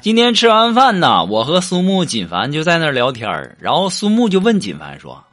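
Joke-show host, a man, pitched a bit high, his voice leaping all over as he tells stories, then drops quiet for asides before loud punchlines. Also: wildly swooping pitch, brisk, faint music behind. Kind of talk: comedic joke storytelling.

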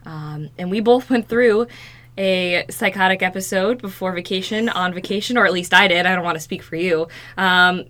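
A woman's voice: on the low side, normal speed, bright, forceful tone. A young adult woman co-hosting a podcast, chatting earnestly and laughing easily. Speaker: podcast co-host. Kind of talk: casual chat.

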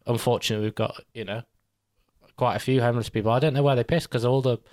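A man's voice: mid-range voice, steady tone, fast talker, darkish tone. A young man, co-hosting a casual chat and rambling, swearing and laughing as he goes. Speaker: podcast co-host.

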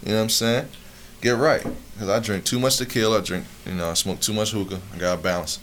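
A young man with a low, smooth radio-style voice hosts a casual podcast. His talk is slangy and laid-back, full of "you know what I mean", with faint noise behind it. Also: fairly even intonation, fast, fairly bright tone. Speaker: podcast host.

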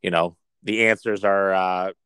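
A deep, steady voice, unhurried, clean and fairly bright, belongs to a man co-hosting a relaxed podcast conversation. He's playful and joking, at times slipping into a mock advertisement-announcer voice.

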